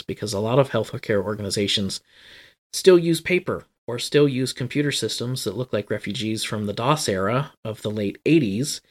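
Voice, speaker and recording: Male conversational explainer, somewhat low voice, talkative and wry. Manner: talkative, self-correcting, wry. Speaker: guest explaining healthcare IT.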